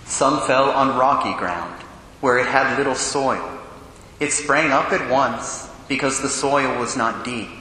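A man, a priest, reads the gospel and preaches a sermon in a large church, in a measured, solemn way, and his voice rings with cathedral echo. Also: mid-range voice, sharp tone. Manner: measured, solemn reading that turns earnest and quick in the homily. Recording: cathedral echo with long reverb, faint hum.

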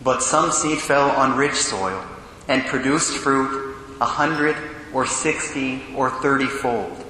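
Bright priest in cathedral echo. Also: male voice, mid-range voice. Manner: measured, solemn reading that turns earnest and quick in the homily. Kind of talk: gospel reading and sermon. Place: large church. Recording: cathedral echo with long reverb, faint hum.

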